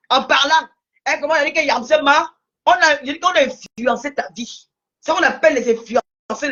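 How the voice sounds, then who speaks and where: Angry and scolding, a woman with a Cameroonian French accent launches into a heated social media rant, repeating herself as her voice sometimes cracks. Her voice is high and fairly bright, though the recording sounds muffled.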